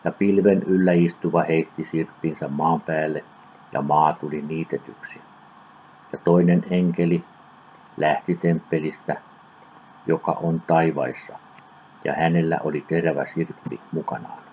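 A man giving a solemn, measured scripture reading for an audiobook, with occasional slips. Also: a bass voice, steady tone, a little mellow. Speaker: scripture reader. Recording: dull lo-fi recording with faint noise.

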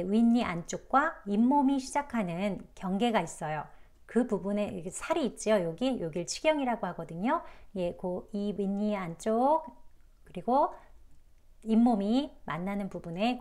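Patient woman teaching pronunciation. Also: mid-range voice. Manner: patient, demonstrative, polite and encouraging. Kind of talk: online phonics lesson.

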